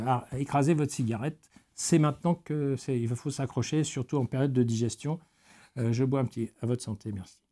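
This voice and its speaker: A man's voice: mid-range voice, mellow. A man from France giving a technical webinar lecture, explaining with many hesitations and fillers and the odd joking aside. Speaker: technical specialist presenter.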